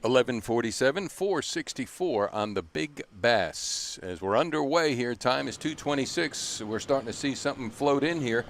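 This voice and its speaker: A man's voice: medium pitch, animated, moderate pace, few pauses, a bit bright. A man hosting a live outdoor stream, easygoing and joking, plugging sponsors. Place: outdoor lakeside weigh-in.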